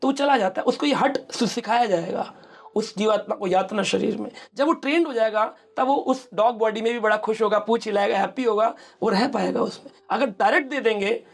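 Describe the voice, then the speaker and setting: Speaking briskly in a high, gravelly voice, the middle-aged spiritual speaker tells stories during an interview to explain scripture. He performs the quoted dialogue and sprinkles in English words.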